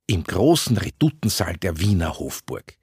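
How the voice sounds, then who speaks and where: A man reading a story, voicing a dignified older woman, a former judge, who speaks in measured, solemn pronouncements. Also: sits low, big pitch swings, darkish tone, breathy edge, dry recording, studio quality, heavily acted.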